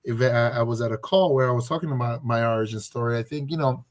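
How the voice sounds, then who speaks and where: A man's voice: medium pitch, fast. A man from Colombia, a guest on a video call, telling his story in a reflective, casual way with many fillers and restarts.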